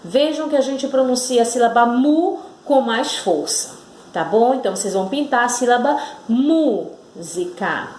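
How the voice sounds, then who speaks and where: A woman teaching a children's lesson on syllables, drawing out and stressing each word slowly. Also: a little high, darkish tone, reverberant, a little hiss or hum. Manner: slow and drawn out, stressing syllables.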